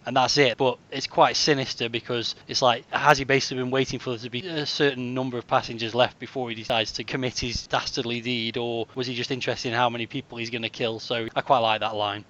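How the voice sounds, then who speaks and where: A man hosts a relaxed film club podcast and steers the chat with easy questions. His voice sits in a middle register. The recording sounds dull and lo-fi. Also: mid-range voice, fast talker, hardly any pauses. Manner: chatty, leads the talk with questions. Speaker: podcast host. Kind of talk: casual film discussion.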